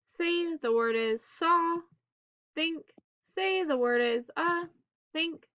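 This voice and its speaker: A woman teacher leading a phonics drill for children in staccato, clipped single words with pauses between them. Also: extremely high pitch, fairly bright tone, no echo, muffled recording.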